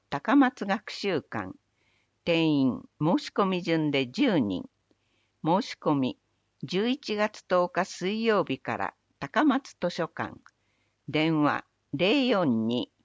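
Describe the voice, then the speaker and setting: Woman announcer, low voice, unhurried reads of public notices, lively intonation; dull dry recording. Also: no echo. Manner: measured, even recital of dates and phone numbers. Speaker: city announcer. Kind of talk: scripted public announcement reading.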